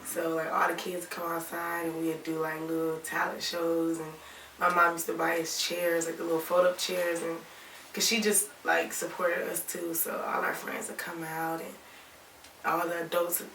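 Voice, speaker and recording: A young woman from Alabama, raised in Ohio, chatting casually in an interview, relaxed and rambling with lots of "like". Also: lowish voice, moderate pace, distant mic, slight background noise. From Alabama, raised in Toledo, Ohio. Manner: relaxed, rambling, many "like" fillers. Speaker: rapper and singer, interview guest. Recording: echoey room, voice off-mic.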